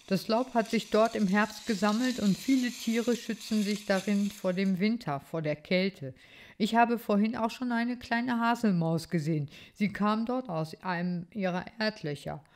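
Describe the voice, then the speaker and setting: A woman's voice: mid-range voice, unhurried, close to an everyday voice. A woman voicing Amadeus, a proud and knowledgeable male blue tit. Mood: explaining.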